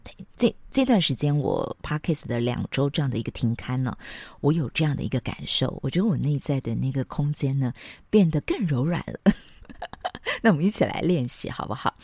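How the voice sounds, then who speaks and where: A woman hosting a parenting podcast, chatty and sprinkled with soft laughs. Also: very deep voice, very animated, brisk, gravelly, slightly rough, no echo. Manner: chatty, with frequent soft laughs and tag particles. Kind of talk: casual podcast monologue.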